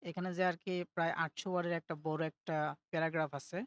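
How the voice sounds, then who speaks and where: Woman, lowish voice, dry close sound, patient language teacher who keeps checking understanding. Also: flat delivery, quick pace, smooth, no echo, highs cut off. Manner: explanatory, checks in with "ঠিক আছে?" often. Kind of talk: explaining pronunciation in a self-study class.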